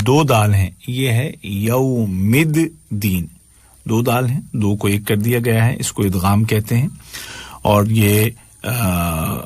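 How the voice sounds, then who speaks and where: Male recitation teacher from Pakistan, patient, explains sounds then chants slowly, mid-pitched, dry close sound. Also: husky, no room sound. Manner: patient, corrects pronunciation step by step, recites verses slowly in a drawn-out chant. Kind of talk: tajweed lesson, explaining and reciting.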